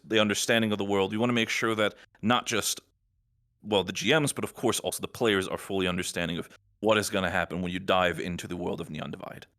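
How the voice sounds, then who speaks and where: Low-voiced man giving a rambling update. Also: fairly bright tone. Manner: rambling, reassuring explainer. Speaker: admin team member. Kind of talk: podcast status update.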